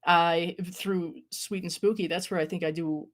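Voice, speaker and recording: A young woman, a horror creator and acting student, is a guest in a casual interview about her acting. Her lowish voice keeps a steady tone at normal speed, though she speaks hesitantly with many fillers and small laughs.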